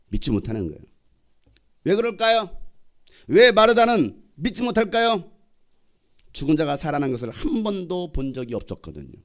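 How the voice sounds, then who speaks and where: A male pastor preaching a sermon, telling the story in an animated way and acting out the voices. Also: fairly high pitch.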